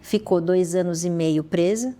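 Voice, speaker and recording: Warm and lowish, this woman's voice moves a little slowly as she earnestly recounts stories as a podcast interview guest. She founded a social fashion project, speaks with a Brazilian Portuguese accent, and often restarts sentences with sudden bursts of emphasis.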